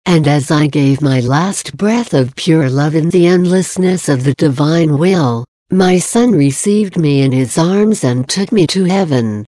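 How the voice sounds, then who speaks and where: Brief: woman reading as a tender queen of heaven, low and slow, mellow and dry. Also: no room sound. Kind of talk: devotional reading.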